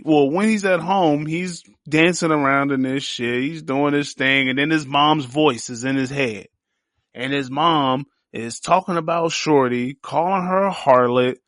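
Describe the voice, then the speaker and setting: A man's voice: on the high side, fairly bright tone, no echo, clean studio sound. A young man hosting a podcast, reviewing a series in a crude, joking, slangy riff full of profanity. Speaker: podcast host.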